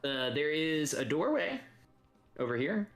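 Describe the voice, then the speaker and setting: A man running a tabletop game as dungeon master, describing rooms in a relaxed way with many fillers. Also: on the high side, a little slow, soft background music.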